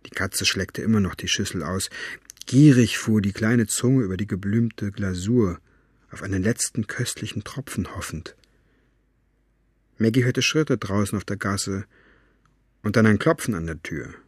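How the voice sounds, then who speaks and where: Husky guy reading an audiobook, measured storyteller delivery, dry close recording. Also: on the low side, dry recording. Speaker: audiobook narrator. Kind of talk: scripted narration.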